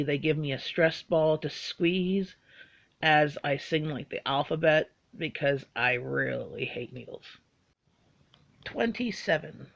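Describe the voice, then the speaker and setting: A woman's voice: deep voice, creaky, lo-fi sound. A woman, chatting casually through a list of facts about herself and rambling with fillers. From Bahamas. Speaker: vlogger.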